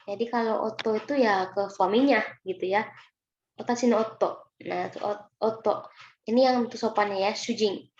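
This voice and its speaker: A woman with an Indonesian accent walks her students through kanji in a recorded online lesson, patient and chatty. Her voice sits at an ordinary middle pitch. The recording is roomy and a little dull, with faint noise underneath. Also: moderate pace, darkish tone. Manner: patient, chatty, often addresses students as minasan. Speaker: Japanese kanji teacher.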